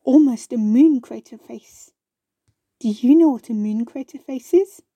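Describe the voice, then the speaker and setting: Slow, gentle woman reading a children's story. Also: a little high, no room sound, highs cut off. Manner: gentle, unhurried, asks the listener questions.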